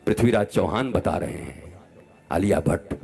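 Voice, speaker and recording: A man in his fifties giving an impassioned religious discourse as a spiritual preacher, scolding and swinging between loud outbursts and soft asides to a large gathering. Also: low voice, lively intonation, normal speed, gravelly. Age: 50s.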